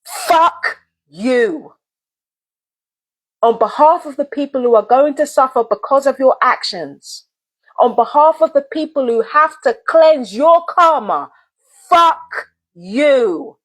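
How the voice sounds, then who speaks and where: A woman's voice: high-pitched, normal speed. A woman vlogger delivering a heated, profane rant straight to her viewers, repeating herself and swearing often. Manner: angry, profane, repetitive. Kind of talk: heated direct-to-camera rant.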